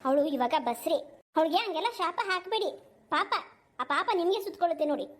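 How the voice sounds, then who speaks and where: Woman as a high, sharp-tongued cartoon daughter-in-law who scolds and retorts briskly. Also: expressive. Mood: scolding. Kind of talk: animated cartoon voice acting.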